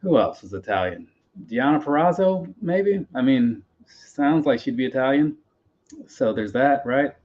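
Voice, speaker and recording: A man's voice: medium pitch, animated, a little slow, a little mellow. A man chatting casually on a live stream as he unpacks his purchases, rambling and talking to himself. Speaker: collector vlogger. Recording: slightly dull lo-fi audio with faint noise. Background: faint pop punk playlist.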